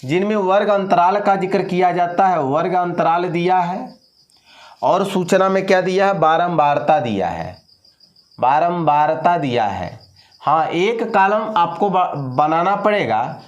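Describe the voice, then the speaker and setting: A man teaching a math lesson, asking questions and answering them himself, repeating the numbers as he works through a problem. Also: high voice.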